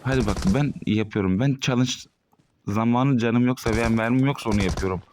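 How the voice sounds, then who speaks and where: A man in his twenties from Turkey commentating live while playing a shooter game, excitable and quick to burst out loud at enemies. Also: mid-range voice, noisy background. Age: 20s. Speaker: gaming streamer. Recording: game gunfire behind the voice.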